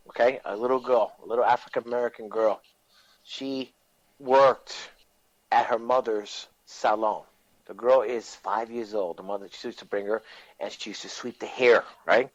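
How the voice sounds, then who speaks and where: A man's voice: medium pitch, no room sound. A man co-hosting a casual podcast discussion, speaking with heated emotion and frequent swearing. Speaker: podcast co-host. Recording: dull dry lo-fi audio.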